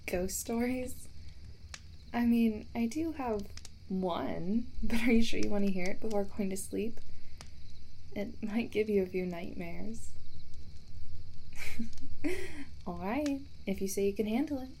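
A young woman voicing a playful camping companion who talks straight to the listener. She teases, giggles, and drops into a hushed voice to tell a ghost story. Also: mid-range voice, slow pace, pauses often, slight background noise. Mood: teasing. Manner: teasing, breaks into giggles. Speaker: voice actor in a listener roleplay. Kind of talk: first-person audio roleplay addressed to the listener.

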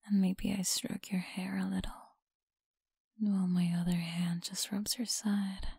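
A young woman voicing a teasing, possessive school bully in an ASMR roleplay, speaking in a slow, mocking, breathy whisper close to the mic. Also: medium pitch, little pitch movement, dark tone, no echo, exaggerated voice.

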